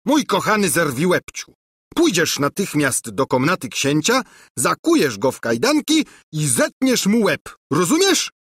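A man's voice: a little high, sing-song, unhurried, a bit bright, husky, no echo, studio quality, voice pushed up, full character voice. A man voicing a furious, vain old king who shrieks his orders.

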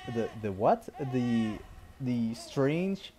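A man's voice: medium pitch, big pitch swings, dark tone. A young man with a Danish accent giving casual, jumpy commentary while playing a horror game, slipping English slang into his talk. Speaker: gaming YouTuber.

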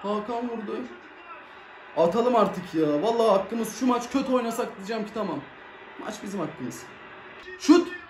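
A man giving live reaction commentary on a football match, excitable, swinging between shouting and grumbling, in casual slang. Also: high voice, moderate pace, pauses often, slight background noise. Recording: echoey room.

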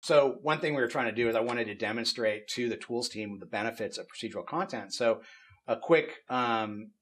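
A middle-aged man casually walking through a software tool demo in an office, explaining as he goes with frequent fillers. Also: mid-range voice, a little fast. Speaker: game studio technical artist demonstrating tools. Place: office at a desk with monitors.

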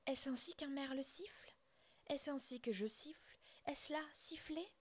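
A woman's voice: medium pitch, moderate pace, lightly acted. A woman voicing an outraged, proud old male blackbird father in a whispered role-play, scolding with indignation.

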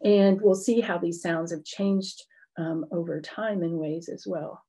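A woman's voice: lowish voice, fairly even intonation, a little slow, mellow, husky. A middle-aged woman giving an explanatory academic lecture with informal asides, speaking into a computer mic. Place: indoor book-lined room at home.

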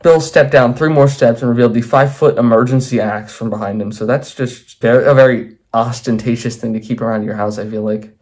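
A man's voice: medium pitch, steady tone, brisk, hardly any pauses, darkish tone. A man reading his old fan fiction aloud with wry, self-mocking asides. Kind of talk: comedic reading with commentary.

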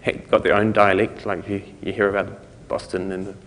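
A man speaks in a fairly low voice, presenting a technical talk. His delivery is informal and halting, with thoughts left trailing. The sound carries the reverb of a lecture hall. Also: flat delivery. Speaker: conference speaker. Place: conference lecture room, indoors.

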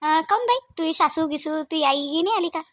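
For a cartoon, a middle-aged, motherly village woman with a Varhadi Marathi accent fusses in a high, quick voice. She coaxes comfortingly and repeats herself again and again. The recording is close and dry, with no room sound.

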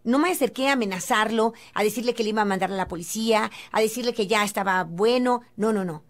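A woman's voice: medium pitch, quick pace. Earnest woman radio host. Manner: earnest, gentle, preachy. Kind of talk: storytelling on a radio talk show.

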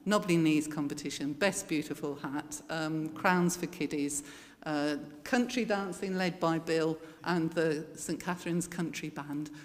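Woman, lower voice, chatty informal church notices, long hall reverb. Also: a little slow. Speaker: church leader giving notices.

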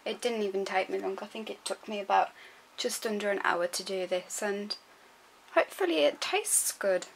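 A woman's voice: mid-range voice, moderate pace, vocal fry, slight background noise, low-quality recording. A young woman vlogging casually from her home kitchen, chatty and apologetic as she talks to the camera. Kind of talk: casual vlog chat.

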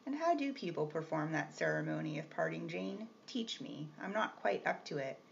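A woman reading the part of a brusque, teasing gentleman employer with a gruff, commanding manner. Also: fairly high pitch, lively intonation, moderate pace. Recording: slightly muffled with faint hiss.

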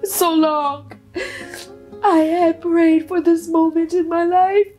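A woman's voice: a little high, lively intonation, normal speed, soft background music, natural voice. A woman playing the biblical woman healed after twelve years of bleeding, telling her story in an earnest, preacherly way and repeating phrases for emphasis. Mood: fervent, emotional. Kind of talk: first-person dramatic testimony on a talk show.

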